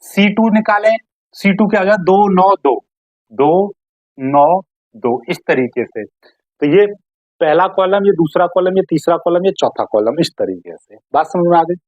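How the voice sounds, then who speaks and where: A woman teaching math in a classroom style, asking questions and answering them herself, often checking whether listeners follow, and stretching out key terms slowly. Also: lowish voice, animated, darkish tone, dry recording, lo-fi sound.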